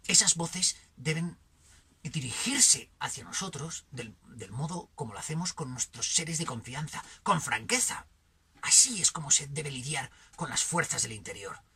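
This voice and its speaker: A man with a Spanish accent from Spain holds forth in a philosophical monologue. His voice is bright and sharp, and its pitch climbs and falls a great deal. He swings between forceful, emphatic lines and hushed, almost whispered asides, with faint noise behind him. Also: animated, unhurried. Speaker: channel host.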